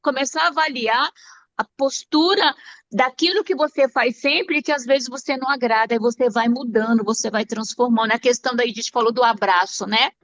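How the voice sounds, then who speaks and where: A woman sharing thoughtful reflections in a church study group, measured with small restarts. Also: on the high side, fairly bright tone, muffled recording. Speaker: Bible study participant.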